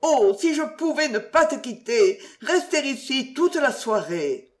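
A woman's voice: a little high, animated, takes it slowly, voice pushed up. A reader putting on a young woman in love, tender, trembling and near tears, in a storybook reading. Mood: tendre et mélancolique.

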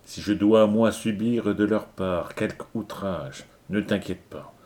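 A man voicing a wise old male poet who guides and reassures his companion in a calm, measured way. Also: fairly low pitch. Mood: reassuring.

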